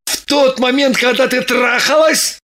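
A woman voicing an excitable, suspicious man with agitated exclamations. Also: high-pitched, unhurried, pitched above the performer's own voice. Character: excitable, suspicious young-ish man, her lover.

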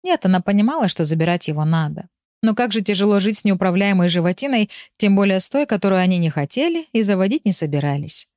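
A woman's voice: mid-range voice, lively intonation, fast, a little mellow, dry recording. Woman narrating a story, dry close sound. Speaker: audiobook reader.

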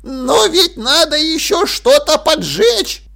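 A man's voice: very high-pitched, animated, takes it slowly, vocal fry, bright, forceful tone, pitched above the performer's own voice, heavily acted. A man voicing a timid, frightened old male embalmer who protests in strained, fearful cries, in an audiobook.

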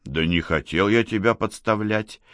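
A man voicing a sly, teasing male artist friend who gets loud when excited. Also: on the low side, normal speed, dry recording, clean studio sound, close to an everyday voice. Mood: bantering.

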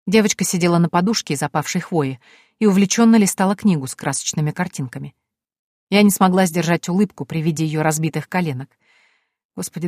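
A woman narrating an audiobook in a calm, even reading voice. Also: lowish voice, no room sound, clean studio sound.

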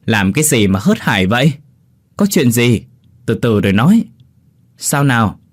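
A man voicing a stern, worried peasant mother with a brisk, hushed way of scolding. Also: medium pitch, big pitch swings, dry recording, clean studio sound. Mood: calming.

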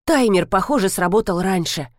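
A woman's voice: mid-range voice, expressive, normal speed, a little mellow, dry recording, studio quality, close to an everyday voice. A woman voicing an anxious, bustling older woman of the household.

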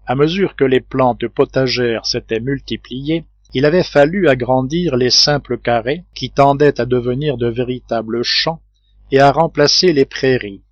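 A man's voice: mid-range voice, moderate pace, no room sound. Man narrating a classic novel, dry sound. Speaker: audiobook narrator. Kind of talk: audiobook reading of a classic novel. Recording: dry, slightly dull home recording.

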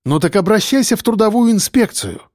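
A man's voice: high voice, animated, a little fast, darkish tone, dry recording, clean studio sound, pitched above the performer's own voice. A man voicing a lazy, dismissive male police desk officer. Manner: dismissive, grumbling.

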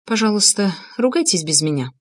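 A woman narrating puts on a proud young woman in an audiobook, cool and offhand. Her voice sits at a middling pitch. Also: expressive, a little fast, natural voice. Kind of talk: audiobook reading.

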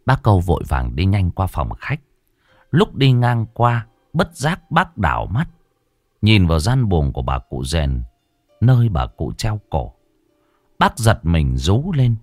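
Guy narrating horror, low voice, lots of rise and fall, dry recording. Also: very animated, a little slow, dry recording, faint music behind. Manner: dramatic, suspenseful. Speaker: storyteller.

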